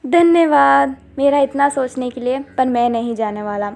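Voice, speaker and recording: A woman's voice: high-pitched, moderate pace, vocal fry, a little mellow, voice pushed down. A woman voicing a grumpy young man, cranky at being woken early. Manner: grumbling, cranky.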